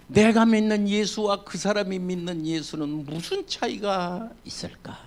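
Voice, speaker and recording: A man in his seventies with a Jeolla accent, a pastor preaching a sermon, swinging between loud declaiming and hushed folksy asides. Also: sits high. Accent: Jeolla Korean. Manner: folksy, colloquial storytelling.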